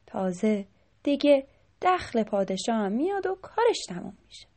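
Lady reading as a fretful old mom in a bedtime storybook, high voice, sighing, worried advice. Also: big pitch swings, darkish tone. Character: anxious old mother of a young hero.

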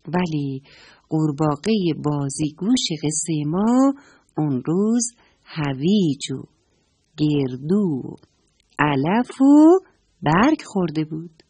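A woman telling a children's story in a warm, coaxing voice that speaks straight to the children. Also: sits low, sing-song, pauses often, husky, no room sound.

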